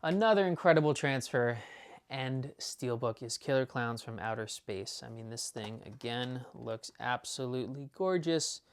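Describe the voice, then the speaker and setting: A man's voice: mid-range voice, animated, smooth. A man casually showing off his movie disc collection, rambling enthusiastically with lots of fillers and restarts. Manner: talks fast at times. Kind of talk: casual unboxing chat.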